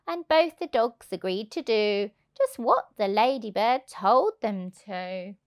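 A woman, around her thirties, reading a children's rhyming storybook aloud in an expressive, rhythmic way. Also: medium pitch, slow. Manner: animated, rhythmic, emphatic delivery. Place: indoors on a sofa. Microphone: clip-on lapel mic.

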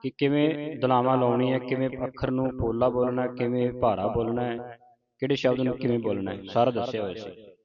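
A man teaching scripture recitation line by line, chanting verses slowly and then explaining how to pronounce the words. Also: mid-range voice, fairly even intonation, dull audio, a crowd in the background. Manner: slow, deliberate chanting of verses, then plain spoken explanations. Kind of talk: line-by-line recitation lesson with pronunciation corrections.

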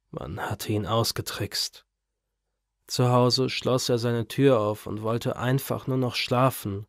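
A man reading a horror story as narrator in a measured, even storytelling manner. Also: lowish voice, no echo, studio quality.

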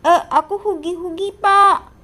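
A woman's voice: extremely high pitch, steady tone, unhurried, bright, forceful tone, exaggerated voice. A woman voicing a teased, lonely monster schoolkid with a whiny, plaintive way of talking in a game role-play. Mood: pleading.

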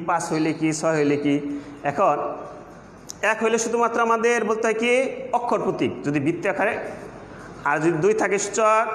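A man's voice: sits high, fairly bright tone, slight background noise. A Bangladeshi man with a Bengali accent teaching a classroom math lesson, asking questions and then answering them himself. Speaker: assistant teacher. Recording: echoey room with long reverb.

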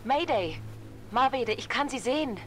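A woman's voice: a little high, expressive, moderate pace, a bit bright, a little hiss or hum. An actress playing a woman on a burning cargo ship, pleading for help in a marine radio distress call in a game. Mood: urgent. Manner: urgent, pleading. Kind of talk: video game voice acting.

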